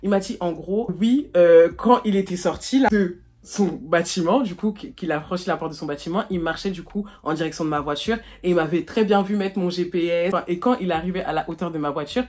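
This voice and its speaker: A woman's voice: lowish voice, brisk. A young woman telling a personal story to her followers in a casual, chatty way, peppered with slang fillers and laughter. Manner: animated, laughs while telling. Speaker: vlogger.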